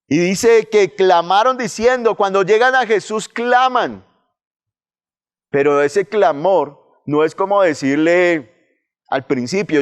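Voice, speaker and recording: A man with a Colombian accent, a pastor preaching a sermon and telling the story vividly, often repeating words as he searches for them. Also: fairly high pitch. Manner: vivid storytelling, acts out voices of people and demons.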